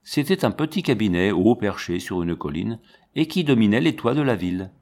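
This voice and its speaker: A man narrating a classic storybook in a measured, clear storytelling manner. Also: fairly low pitch, very animated, darkish tone. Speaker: audiobook narrator. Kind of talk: scripted narration.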